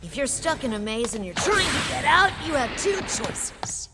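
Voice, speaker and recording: A woman's voice: high voice, very animated, normal speed, heavy background noise. A woman playing a hot-headed, blunt schoolgirl brawler in an anime English dub. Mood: defiant. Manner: blunt, combative.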